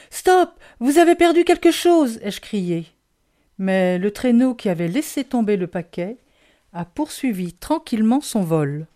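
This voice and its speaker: A woman reading a children's picture book aloud, gentle and expressive, with a lively storytelling emphasis. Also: mid-range voice.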